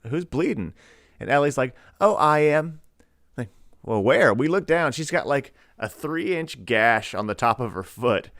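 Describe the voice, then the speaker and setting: A man's voice: mid-range voice, normal speed, gravelly, dry recording, clean studio sound. A man in his thirties co-hosting a parenting podcast, telling loose stories full of fillers. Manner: relaxed storytelling, many fillers. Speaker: podcast co-host. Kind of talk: casual chat.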